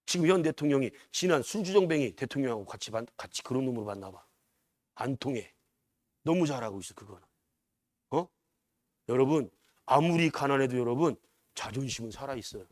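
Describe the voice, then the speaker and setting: A middle-aged man preaching a sermon in a church, moving from quiet talk to loud, urgent exclamations and asking the congregation frequent questions. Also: mid-range voice, animated, fairly quick, long pauses, no echo. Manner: preaching with big swings from soft to shouting, rhetorical questions. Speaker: pastor. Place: church sanctuary.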